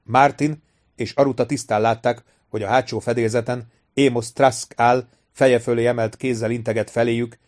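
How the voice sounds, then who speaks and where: A man's voice: medium pitch, level tone, darkish tone, no echo, clean studio sound. Man reading an audiobook steadily. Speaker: audiobook narrator. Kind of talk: scripted narration.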